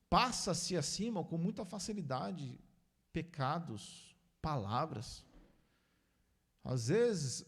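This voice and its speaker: Man, pastor, conversational sermon, acts out dialogues, somewhat high pitch. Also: slightly rough. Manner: conversational preaching, addresses listeners as brothers; acts out dialogues with church members.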